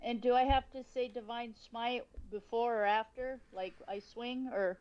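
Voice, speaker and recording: A woman's voice: fairly high pitch, steady tone, normal speed, dull audio. A woman playing a tabletop game, casually working out her attacks and dice totals.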